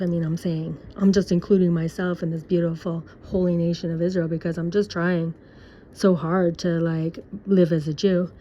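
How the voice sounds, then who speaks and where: A woman's voice: lowish voice, mellow. A woman talking to camera in a personal opinion monologue, full of rhetorical questions and sarcastic asides. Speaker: vlogger. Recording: dull lo-fi recording.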